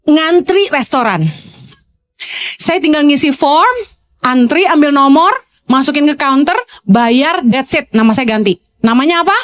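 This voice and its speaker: A woman pastor, preaching to a youth congregation in a lively storytelling way, slipping in English phrases. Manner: swings to high, playful exclamations.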